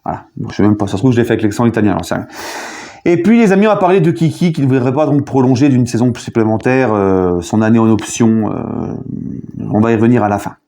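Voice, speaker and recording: A man chatting casually in a video debrief as a football fan, jokey and animated, with sudden loud outbursts. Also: medium pitch, fast.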